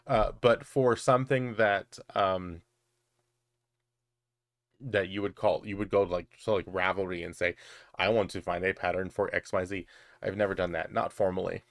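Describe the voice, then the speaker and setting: A middle-aged man who hosts a crochet and knitting channel answers viewer questions in a casual Q&A, chatty and hesitant with many ums and restarts, and he has the hiccups. His voice is low and steady at a moderate pace, recorded cleanly in a studio with no room sound.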